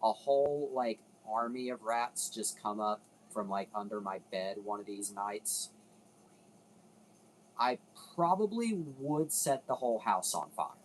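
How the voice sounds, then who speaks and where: A man's voice: lowish voice, animated, a little slow, a little hiss or hum, rough recording. Rambling man hosting casual commentary. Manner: rambling, self-interrupting, swears casually. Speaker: video host.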